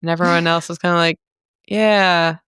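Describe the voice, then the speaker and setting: A young woman co-hosting a podcast as a speech therapist, chatting casually and animated, with playful jumps into silly voices. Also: low voice, normal speed, no room sound, studio quality. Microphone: studio microphone.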